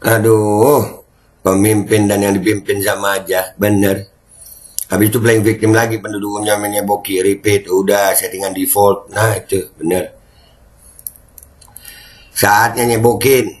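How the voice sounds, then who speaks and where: A man's voice: on the low side, flat delivery, a little slow, pauses often. A middle-aged man from Indonesia, ranting and mocking in casual political commentary. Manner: mocking, sarcastic, jeering.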